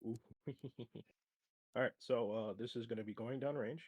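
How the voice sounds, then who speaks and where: A man in the middle of a tabletop session, talking brashly and swearing freely as he hypes up his own moves. His voice sits at an average pitch. The sound is close and dry. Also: moderate pace, darkish tone, husky, no echo. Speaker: player. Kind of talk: tabletop game banter.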